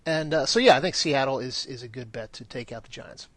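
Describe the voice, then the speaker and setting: A man co-hosting a casual sports podcast, measured and relaxed, with light self-mocking asides. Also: medium pitch, no echo. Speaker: podcast co-host.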